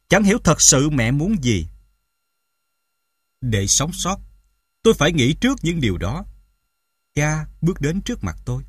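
A man narrating a first-person audiobook in an expressive, dramatic way. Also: fairly high pitch, breathy edge, dry recording, studio quality.

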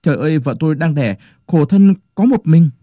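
A flustered village farmer, played by a male storyteller, blurting out his alarm in a dark, lively voice. Recorded dry and close. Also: on the high side, brisk, dry recording, voice pushed up, lightly acted. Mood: wailing. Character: flustered village husband, slower-tongued farmer.

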